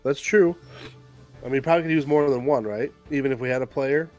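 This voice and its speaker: A man's voice: mid-range voice, fairly quick, a little mellow, faint music behind. A man co-hosting a livestream and brainstorming a tabletop adventure in casual chat, easygoing and agreeable. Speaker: game designer co-host.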